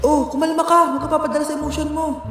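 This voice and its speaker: A woman's voice: high-pitched, level tone, very fast, over loud music. Woman voicing a soothing inner voice, echoey. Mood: coaxing. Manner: soothing, coaxing. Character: calm inner voice of a mother.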